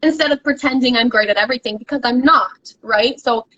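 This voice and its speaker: Emphatic woman guest with a higher voice. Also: brisk, dull audio. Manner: energetic and emphatic, with repetitions and restarts. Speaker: podcast guest, business coach. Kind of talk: motivational casual conversation.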